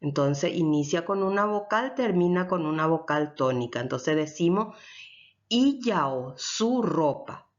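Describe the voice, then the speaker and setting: A woman teaching Guaraní grammar in a lecture, explaining slowly and often checking with her listeners. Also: deep voice. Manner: switches between Spanish and Guaraní. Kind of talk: recorded language lecture. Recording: dull lo-fi recording.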